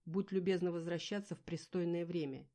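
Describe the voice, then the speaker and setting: Jealous husband, sneering and scolding , voiced by a woman audiobook reader, low-set, mellow tone. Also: fairly even intonation, brisk, natural voice. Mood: contemptuous. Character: angry jealous husband, adult man, contemptuous.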